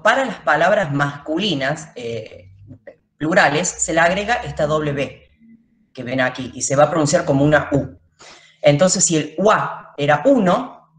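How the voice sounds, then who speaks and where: A woman's voice: low-pitched, roomy sound. A woman teacher giving a classroom lecture, explaining step by step and checking in with her students.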